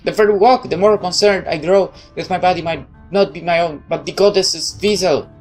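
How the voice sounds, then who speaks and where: A loyal female servant in a fantasy game, voiced by a woman reader. She speaks high and earnestly, anxious yet deferential and full of devotion. Music sits behind her. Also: brisk, a little mellow. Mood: worried, grateful. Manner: earnest, deferential, higher-pitched.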